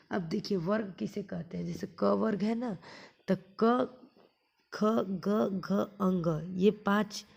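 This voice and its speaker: A woman's voice: mid-range voice, creaky, dark tone, slightly rough. A woman teaching a grammar lesson, patiently asking questions and answering them herself, stretching out sounds as she demonstrates them. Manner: draws out sounds slowly when demonstrating. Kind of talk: classroom lesson explaining grammar.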